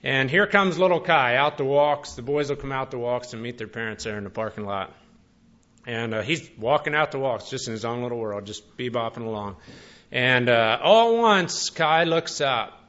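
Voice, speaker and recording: A man preaching a storytelling sermon in a folksy, conversational way, with many pauses and fillers. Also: mid-range voice, expressive, a bit bright, lo-fi sound. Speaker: pastor.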